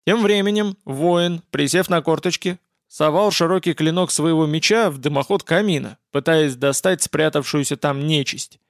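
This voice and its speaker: A man narrating a first-person fantasy audiobook in a wry, brisk storytelling manner. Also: fairly high pitch, no room sound, studio quality.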